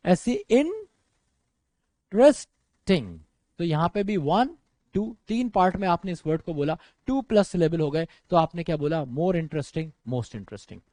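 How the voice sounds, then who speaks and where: Animated young man lecturing on grammar. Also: a little high, moderate pace, dry recording. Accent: Indian English. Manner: animated, addresses students as friends and brother, mixes English into speech. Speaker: English teacher. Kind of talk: exam-prep grammar lecture.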